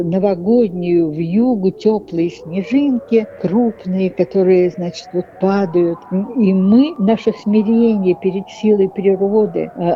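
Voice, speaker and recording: A woman being interviewed, calmly explaining her teaching method in a measured, thoughtful way with small hesitations. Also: medium pitch, highs cut off, a little hiss or hum. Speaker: interviewed educator, author of a children's speech method.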